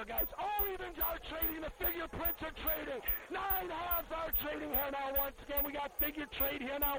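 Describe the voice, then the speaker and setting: A man giving live market commentary as a trading floor announcer, shouting prices in a frantic, urgent, repetitive way over a very noisy recording. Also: very high voice.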